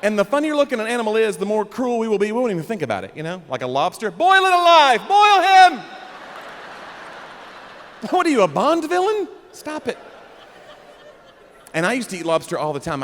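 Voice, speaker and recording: A young man performing a stand-up comedy set, animated and breaking into loud character bits. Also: a little high, fast. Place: comedy club stage. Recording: live room with long reverb, faint crowd noise.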